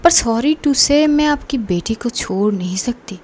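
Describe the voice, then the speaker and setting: A woman's voice: a little high, expressive, unhurried, a little mellow, a little hiss or hum. A woman voicing a bold, teasing young woman in love, talking back with playful defiance in a narrated story. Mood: defiant. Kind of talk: narrated story with acted dialogue.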